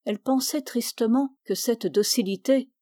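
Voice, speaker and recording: A woman reading a novel aloud as an audiobook narrator, measured and clear. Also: on the high side, warm tone, no echo, clean studio sound. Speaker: audiobook reader.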